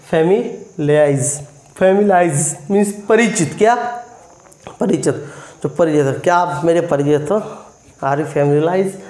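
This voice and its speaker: A man teaching vocabulary in a live online class on a phone, quizzing his viewers again and again and spelling words out slowly. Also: a little high, a little mellow, echoey room.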